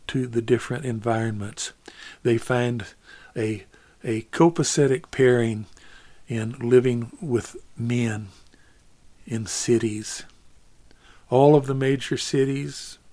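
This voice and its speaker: A man telling a story in an unhurried, easygoing way, often repeating words as he gathers his thoughts. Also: mid-range voice, darkish tone. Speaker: storyteller and singer.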